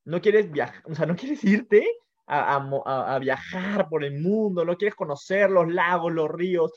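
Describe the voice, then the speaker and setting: A man's voice: fairly high pitch, unhurried. A man voicing a starving, tired wolf in a spoken fable, talking in an earnest, questioning way, on a muffled recording. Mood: pleading, wondering. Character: starving, tired wolf who prizes freedom. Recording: muffled lo-fi sound.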